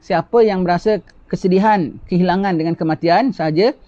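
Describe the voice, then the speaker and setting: A man's voice: high-pitched, fairly quick, warm tone, dry recording. A man giving a religious lecture who explains patiently, repeats key phrases and asks rhetorical questions. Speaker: religious teacher. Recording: dull lo-fi recording.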